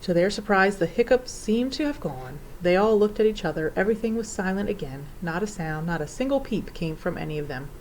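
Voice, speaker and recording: A woman narrating a children's storybook in an expressive, theatrical way. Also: medium pitch, fairly quick, few pauses, a little hiss or hum, poor audio. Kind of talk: storybook reading.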